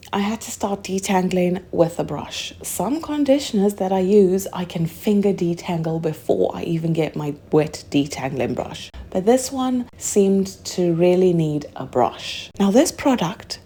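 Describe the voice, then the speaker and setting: A young adult woman from Zimbabwe chatting through a hair product review, reading the label claims aloud and slipping into soft asides. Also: mid-range voice, breathy edge. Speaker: hair care vlogger.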